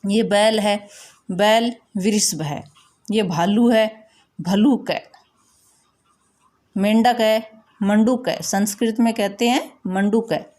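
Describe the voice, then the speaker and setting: A woman teacher explaining a school lesson slowly and patiently, repeating her instructions. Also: medium pitch, fairly even intonation, darkish tone. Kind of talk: recorded classroom lesson.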